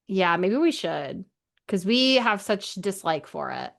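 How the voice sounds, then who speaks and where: A woman's voice: medium pitch, lively intonation, unhurried, vocal fry. A woman co-hosting a book podcast, talking in a playful, upbeat way and laughing at her own jokes. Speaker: podcast co-host. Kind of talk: casual book podcast chat.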